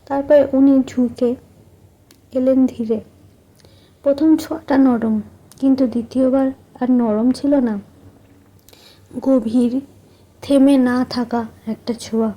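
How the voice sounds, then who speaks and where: A woman narrating a romantic story in the first person, soft, intimate and measured. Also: sits high.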